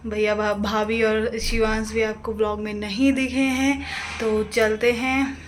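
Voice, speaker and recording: A woman's voice: on the high side, flat delivery, a little slow, reverberant, slight background noise, poor audio. A young woman from Uttarakhand chatting casually to viewers in her home vlog, calling them guys. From Uttarakhand, India. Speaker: vlogger.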